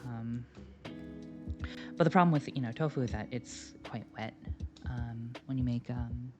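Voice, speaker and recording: A woman with a rumbling low voice speaks at a measured pace while cooking on a live stream, rambling casually with lots of fillers and jokes. The lo-fi recording is slightly dull, with faint music.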